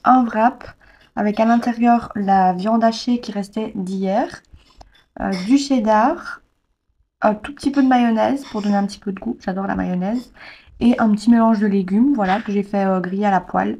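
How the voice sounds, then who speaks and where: A woman's voice: medium pitch, normal speed, slight background noise. A young woman, chatting casually in a voice-over about what she ate, with lots of little fillers. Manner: chatty, relaxed, full of fillers like "euh" and "voilà". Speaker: food vlogger.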